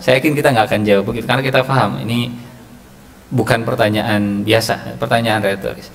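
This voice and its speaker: A man's voice: medium pitch, steady tone, fairly quick, creaky, slight background noise. A man giving a humorous mosque sermon, acting out quoted dialogue in raised voices. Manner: acts out quoted dialogue in raised voices, mixes Sundanese phrases. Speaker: preacher giving a mosque study session. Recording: long hall reverb, faint ambience.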